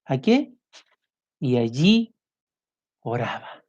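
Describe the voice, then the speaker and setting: A man preaching a sermon with passion, firing off rhetorical questions and swinging his voice high and low. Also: sing-song, very slow. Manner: impassioned, rhetorical questions, big swings in pitch and loudness. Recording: muffled lo-fi recording.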